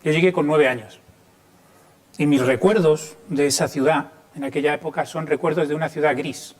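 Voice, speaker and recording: Chilean-born guy in his 50s giving a talk to students, slightly high voice, lots of ums and restarts. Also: fairly even intonation, moderate pace. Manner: hesitant, many fillers and restarts. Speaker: lighting designer giving a talk. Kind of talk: informal lecture to students.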